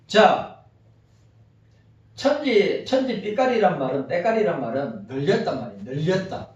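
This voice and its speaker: A man's voice: sits high, sing-song, normal speed, darkish tone. A male pastor preaching a sermon, reading a text aloud and asking the congregation questions in between. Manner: conversational, asks the congregation questions. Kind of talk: sermon with read-aloud passage. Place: church sanctuary. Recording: echoey, distant, dull sound.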